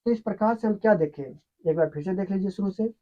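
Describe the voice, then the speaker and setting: A fast-talking teacher with a medium-pitched voice gives an explanatory science lesson, asking questions, answering them and repeating the key terms. The recording is dull and lo-fi.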